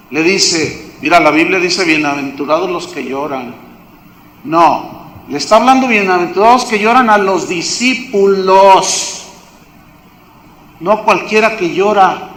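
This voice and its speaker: Emphatic high-voiced Mexican pastor in an echoing hall. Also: male voice, a little hiss or hum. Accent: Mexican Spanish. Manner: emphatic preacher, rhetorical questions, swings loud to hushed. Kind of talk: sermon. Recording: echoey hall with long reverb.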